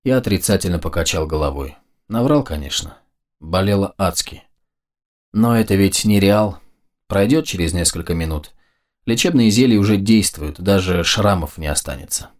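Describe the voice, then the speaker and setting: A man narrating a first-person fantasy audiobook in a measured, even way. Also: low voice.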